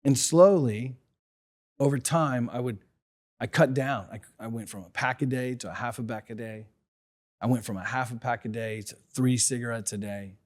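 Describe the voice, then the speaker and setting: A man's voice: medium pitch, moderate pace, a little mellow. Male podcast host, middle-aged, solo motivational talk, reflective, rhetorical questions, mid-range voice. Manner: reflective, asks rhetorical questions, talks from personal experience.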